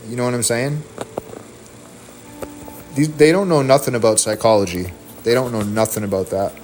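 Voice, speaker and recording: A man's voice: mid-range voice, moderate pace, a little mellow, soft background music. Profane, ranting male streamer. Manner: heated, profane, rambling rant.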